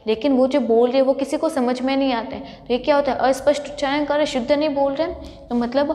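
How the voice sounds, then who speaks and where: A woman lecturer gives a college lesson in a high voice. She works through each point by asking a question and then answering it herself. The recording carries the long echo of a large hall. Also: steady tone, fast, mellow. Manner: explains by asking and answering her own questions. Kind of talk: classroom lecture.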